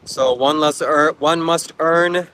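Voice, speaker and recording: A fairly high-pitched man speaks slowly with fairly even intonation and a sharp tone. He's hosting a casual beach livestream outdoors, faint wind in the background, reading comments in Ukrainian-accented English, not his native language, coughing often and rambling thoughtfully.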